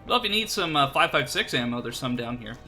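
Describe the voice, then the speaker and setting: A man streams a co-op shooter, casually chatting with a friend, teasing and laughing a lot in a somewhat nasal voice. His mid-range voice swings widely in pitch and comes out fast, pushed and bright over soft background music.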